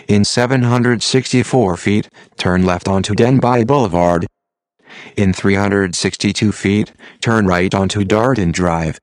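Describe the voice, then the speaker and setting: Low, dry synthetic male navigation voice. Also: no room sound. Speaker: GPS navigation voice. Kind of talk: turn-by-turn driving directions.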